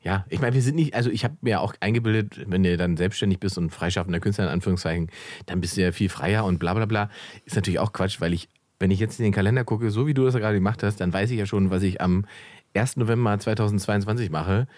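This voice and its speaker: A man's voice: lowish voice, quick pace, no room sound. A man, a comedian and podcast host, chatting casually and telling stories with lots of laughter. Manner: animated storyteller, laughs a lot. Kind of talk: casual chat.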